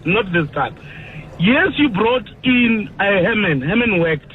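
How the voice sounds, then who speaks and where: Insistent high-voiced caller. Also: male voice, sing-song, measured pace. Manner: insistent, repetitive, laughs easily. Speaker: radio caller. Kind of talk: phone-in opinion. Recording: tinny phone line with faint noise.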